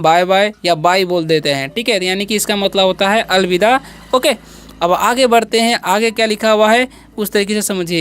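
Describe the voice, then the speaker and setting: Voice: medium pitch, fairly bright tone, smooth, dry recording. A teacher giving an English vocabulary lesson to children, patiently explaining and drilling each word by asking questions and answering them.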